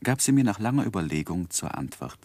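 Recorded dry, a deep, darkish male voice swings widely in pitch and moves briskly, exaggerated in style. It belongs to an actor portraying an earnest, tender young man in love who narrates his life reflectively, in literary phrasing, for a 1960s German radio drama.

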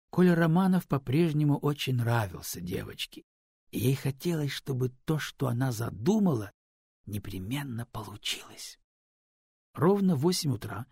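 A man narrating an audiobook in a measured, unhurried reading. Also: medium pitch, gravelly, a little mellow, breathy edge, dry recording, studio quality. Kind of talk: scripted narration.

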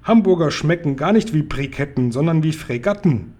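A man reading a children's book aloud, voicing a huge, kindly, muddle-headed male giant who booms and mixes up his words. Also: lively intonation, moderate pace, darkish tone. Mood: blustering.

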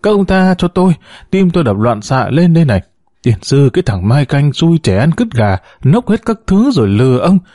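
A man's voice: sing-song, dark tone, dry recording, studio quality. A man doing a whiny, panicky district geologist. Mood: whining. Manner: complaining, shrill and rushed. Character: panicky middle-aged male district geologist, whiny, hot-tempered.

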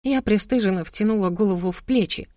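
Woman, audiobook narrator, wry and lively, mid-pitched, dry close recording. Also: brisk, no echo. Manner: lively, wry, embarrassed storytelling. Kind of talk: first-person audiobook narration.

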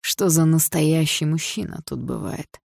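A woman reading an audiobook, voicing a jealous, furious middle-aged stepfather who shouts and snarls accusations. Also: low-pitched, measured pace, creaky, breathy edge, dry recording, clean studio sound, full character voice. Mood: coldly menacing.

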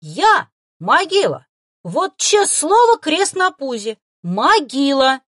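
Woman voicing Marik, a squealing excited boy. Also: sits high, measured pace, no room sound, studio quality, voice pushed up, full character voice. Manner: breathless, squealing with delight. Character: excitable, awestruck young boy, eager and loyal.

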